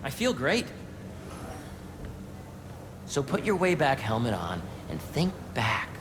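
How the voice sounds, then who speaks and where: Upbeat, animated young American best friend. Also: male voice, medium pitch, takes it slowly. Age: young adult. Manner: breezy, informal. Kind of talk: video game character dialogue. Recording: clear background noise, ambience.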